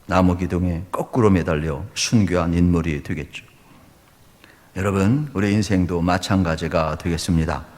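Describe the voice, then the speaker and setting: A man's voice: low voice, fairly even intonation, moderate pace, a little mellow. Emphatic male pastor in an echoey hall. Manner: emphatic, fires rhetorical questions and tag asides. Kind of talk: sermon. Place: church sanctuary.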